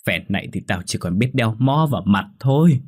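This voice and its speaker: A man's voice: fairly low pitch, expressive, brisk, darkish tone, pitched above the performer's own voice. A man voicing an angry middle-aged father who grinds out each word in rage. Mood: furious. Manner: growling each word through anger. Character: stern middle-aged father, furious village official.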